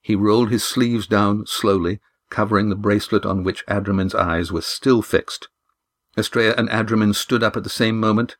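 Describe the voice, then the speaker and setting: A man reads a novel aloud in a steady, measured way, his voice sitting fairly low. The delivery is scripted narration, calm and even. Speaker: audiobook narrator.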